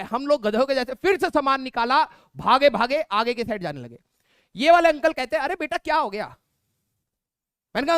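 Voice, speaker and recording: A man's voice: very high-pitched, clean tone, no room sound, clean studio sound. A young man, a physics teacher, casually telling a class a funny story and often adding "theek hai". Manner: chatty, keeps tagging lines with "theek hai"; laughs at his own story. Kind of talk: casual anecdote told to a class.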